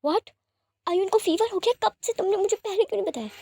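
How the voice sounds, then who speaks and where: A touchy young man in a storybook romance, sulky and sharp, his lines climbing high whenever he is upset, as a woman reads him aloud. The voice sits high and the recording is close and dry. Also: expressive, moderate pace, dry recording. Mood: panicked.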